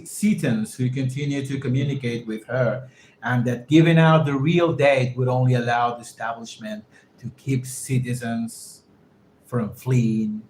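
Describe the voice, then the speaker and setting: A man's voice: medium pitch, darkish tone. A man whose first language is Spanish reads an English text aloud for a lesson, stopping to define words and repeat their pronunciations. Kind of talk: reading a text aloud and explaining vocabulary. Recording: echoey room with faint ambient noise.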